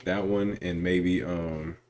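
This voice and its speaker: Very deep-voiced man with laid-back slang. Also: steady tone, slow, a little mellow. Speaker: reaction video host. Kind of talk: casual reaction commentary.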